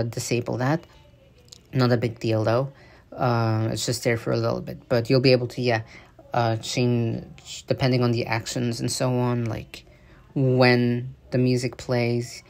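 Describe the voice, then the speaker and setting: Speaking in a medium, slightly mellow voice, this male gaming news video maker narrates gameplay footage. He walks through a game update's new features in a relaxed, rambling way, often restarting and using fillers.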